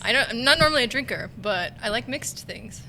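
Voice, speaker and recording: A woman's voice: fairly high pitch, animated, fairly quick, creaky, a crowd in the background. A woman in her early twenties, a podcast guest chatting in an easygoing, agreeable way. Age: 20s. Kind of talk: casual chat.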